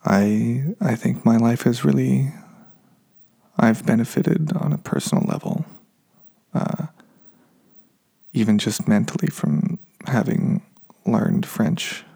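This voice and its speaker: American guy rambling casually on his podcast, mellow voice, takes his time. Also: mid-range voice, takes it slowly, gravelly, pauses often, husky. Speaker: podcast host.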